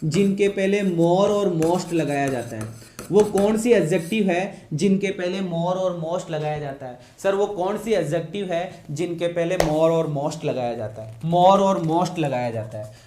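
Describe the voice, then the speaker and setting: High-voiced male teacher, echoey room. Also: measured pace, dark tone, slight background noise. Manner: repetitive, asks questions and answers them himself. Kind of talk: classroom-style lecture.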